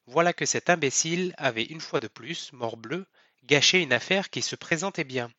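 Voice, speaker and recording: A man narrating a novel aloud in a steady, expressive storytelling manner. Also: fairly high pitch, normal speed, no echo, lo-fi sound. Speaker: audiobook narrator. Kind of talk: scripted narration.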